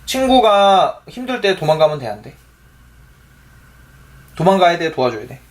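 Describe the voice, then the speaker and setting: A man's voice: sits high, big pitch swings, moderate pace. A father reading a picture book aloud to his young child, patiently asking her questions as he reads.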